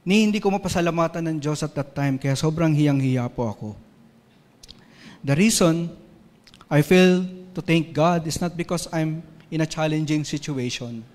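Filipino guy giving a sermon, kinda high voice, earnest and personal, big echoey church hall. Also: unhurried, darkish tone. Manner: earnest, personal storytelling, rising to emotional intensity. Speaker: preacher. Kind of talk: sermon mixing Tagalog and English. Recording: long hall reverb.

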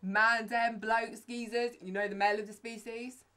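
A woman's voice: on the high side, level tone, normal speed, bright, forceful tone. A young woman playing a brash, cheeky seventeen-year-old girl who talks in slang and teases.

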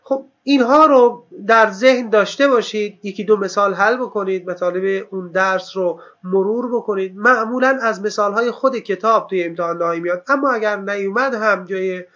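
A man with a high, bright voice reviews exam material like a teacher, drawing out key terms and asking and answering his own questions. The recording sounds dull and lo-fi.

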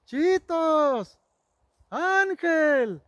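Man putting on his flustered sister's high voice. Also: fast talker, fairly bright tone, dry recording. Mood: startled. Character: flustered middle-aged woman, the narrator's sister.

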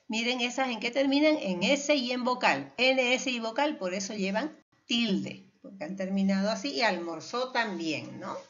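A woman's voice: fairly high pitch, a bit bright. A woman teacher with a Peruvian Spanish accent giving a patient spelling lesson to her students, drawing out each example word. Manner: patient, explanatory, stretches out example words. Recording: dull lo-fi recording.

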